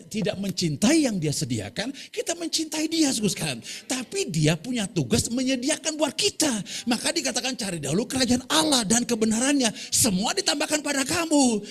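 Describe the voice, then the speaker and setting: A male pastor preaching a sermon, often asking the congregation "right?" and calling for louder amens. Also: very high-pitched, husky.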